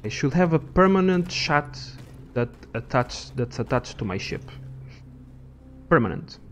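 A little hiss or hum accompanies a mid-range male voice as a young gaming channel host loosely narrates his gameplay, thinking out loud, rambling and using profanity.

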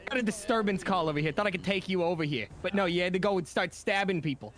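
A man's voice: sits high, fast talker, a bit bright. A man playing a bossy, taunting police officer in improvised online game role-play, repeating his orders insistently. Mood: fed up. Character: taunting, bossy male invisible police officer, fed up and sanctimonious. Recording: noisy game voice chat.

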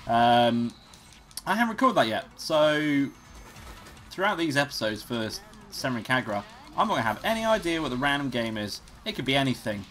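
A man's voice: medium pitch, big pitch swings, normal speed, fairly bright tone. A young man hosting a let's play, giving casual, rambling gameplay commentary and swearing freely. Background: game music.

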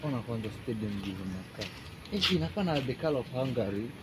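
A man chatting on a walk outdoors, excitable and playful, mixing English, Swahili and French. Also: medium pitch, fast, a crowd in the background. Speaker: friend on the walk. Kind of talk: casual walking vlog chat. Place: outdoors by a stadium at dusk. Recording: street noise, off-mic phone sound.

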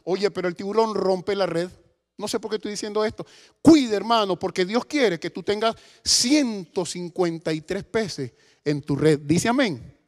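A middle-aged Venezuelan pastor with a strikingly high voice preaches with passion, rising into loud bursts and dropping to hushed asides. His voice rings through a church hall with a long, echoing tail. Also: normal speed. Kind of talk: sermon.

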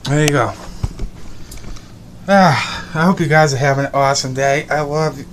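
Cooking at home in a cramped kitchen and bedroom, a young man vlogs into a phone at arm's length, upbeat and meandering, repeating his words. His slightly high voice holds a steady tone at a moderate pace, and background noise is audible.

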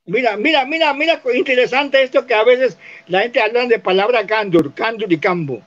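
Man, high voice, slow patient teaching, repeats words aloud, dull lo-fi sound. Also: fairly bright tone. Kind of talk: explaining spelling and pronunciation. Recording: dull lo-fi recording.

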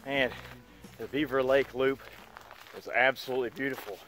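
A man's voice: mid-range voice, fairly even intonation, normal speed, over music. Chatty man on a forest trail. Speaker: hiking vlogger. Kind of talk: casual talk to camera. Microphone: handheld camera at arm's length.

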